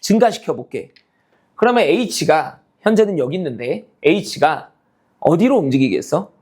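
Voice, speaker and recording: Male math lecturer, fairly high voice, lively intonation, coaxing students with constant "right?" checks. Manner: constantly checks understanding with tag questions; calls himself teacher, half-casual speech. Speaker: math teacher.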